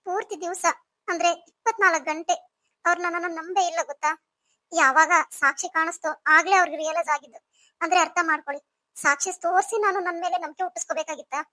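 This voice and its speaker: A woman's voice: extremely high pitch, fairly even intonation, fast, pushed and bright. A woman voicing a hurt, bitter young pregnant wife in a cartoon story, speaking in a reproachful, pleading way.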